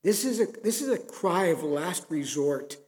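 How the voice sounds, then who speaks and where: A man's voice: high voice, expressive, a little slow, darkish tone, long reverb tail. A man preaching a sermon as pastor, earnest and building to emphatic pleas.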